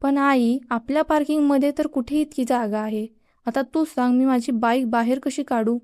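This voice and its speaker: A woman's voice: high voice, steady tone, moderate pace, darkish tone, no room sound, clean studio sound, natural voice. A woman voicing a grumpy young college guy. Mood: irritated. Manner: snapping and grumbling. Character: irritable young male college student, quick to anger.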